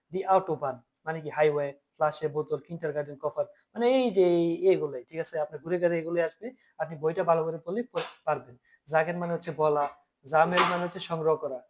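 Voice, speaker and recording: Bengali man teaching German, slightly high voice. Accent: Bangladeshi Bengali. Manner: repeats questions and answers them himself, checks in often. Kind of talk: lesson explaining vocabulary.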